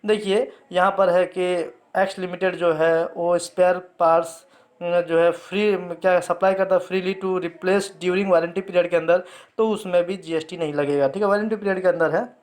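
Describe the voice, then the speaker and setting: A man teaching a tax lecture. He checks in with the class after almost every point, reads English phrases out slowly, word by word, and often stumbles and restarts his words. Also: high-pitched, fairly even intonation. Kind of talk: explanatory lecture.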